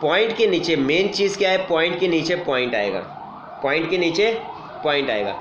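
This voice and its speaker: Brief: male math teacher, slightly high voice, repeats himself to drill points, echoey dull recording. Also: expressive, normal speed, background noise. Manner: repeats key points and asks rhetorical check questions. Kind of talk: classroom math lesson.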